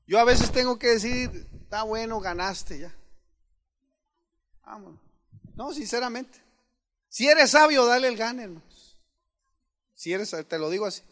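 A man's voice: very high-pitched, normal speed, pauses often, fairly bright tone. A man, a pastor giving an earnest, conversational sermon and firing rhetorical questions at the congregation. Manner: earnest, addresses listeners as brothers, rhetorical questions.

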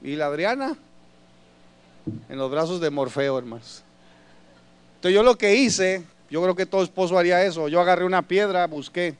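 Male pastor, animated storyteller, high and resonant, preaching to the brethren. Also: normal speed, pauses often, smooth, no echo. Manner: animated storyteller addressing the congregation as brothers. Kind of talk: sermon.

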